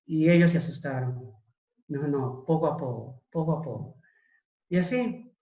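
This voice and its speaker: A middle-aged man telling a personal testimony as an interview guest, halting and searching for his words. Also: a little high, warm tone. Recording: roomy echo.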